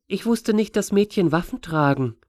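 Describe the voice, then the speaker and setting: Male reader doing a pushy ten-year-old girl: high, whiny, insistent, dry close sound. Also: expressive, normal speed, a little mellow, no room sound.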